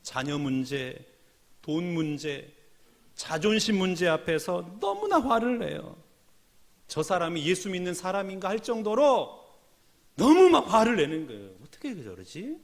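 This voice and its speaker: Middle-aged man, senior pastor mid-sermon, very high and animated voice, passionate, moving between loud calls and hushed asides. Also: a little slow, pauses often. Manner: passionate preaching, swings from loud exhortation to quiet asides. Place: church sanctuary.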